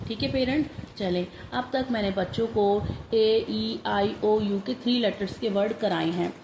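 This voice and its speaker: A woman teacher, slowly giving a phonics dictation lesson for parents and repeating each sound. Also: medium pitch, roomy sound, background noise.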